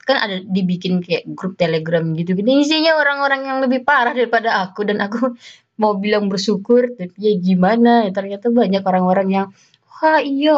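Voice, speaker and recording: Young javanese woman, solo podcast host, rapid rambling self-mocking chatter, mid-pitched, slightly dull lo-fi recording. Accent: Javanese Indonesian. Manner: fast, rambling, self-mocking, laughs often. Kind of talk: casual solo podcast monologue.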